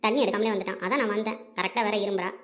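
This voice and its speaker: A woman's voice: medium pitch, steady tone, lightly acted. A woman acting a caring aunt who coaxes and reassures the young wife in a family drama. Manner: warm, coaxing, fast-talking. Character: caring mother-in-law aunt.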